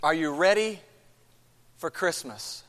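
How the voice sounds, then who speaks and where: High-voiced man preaching in a reverberant church. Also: animated, slow pace, a bit bright. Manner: conversational, poses questions to the congregation. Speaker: pastor. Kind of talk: sermon. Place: church sanctuary. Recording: long reverb in a large hall.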